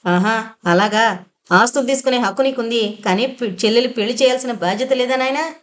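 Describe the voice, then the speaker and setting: Lady doing a hot-tempered young sister, sharp tongue, sarcastic, audio novel voice. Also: mid-range voice, fairly quick, natural voice. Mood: angry. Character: fiery young woman Vijaya, quick-tempered elder sister.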